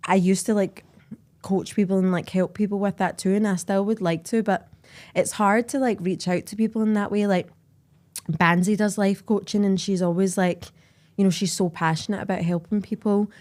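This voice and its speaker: A woman's voice: mid-range voice, steady tone, moderate pace, darkish tone. A young adult Scottish woman hosting a podcast in a candid, chatty way, full of "like" fillers. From Scotland. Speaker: podcast host. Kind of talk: casual chat.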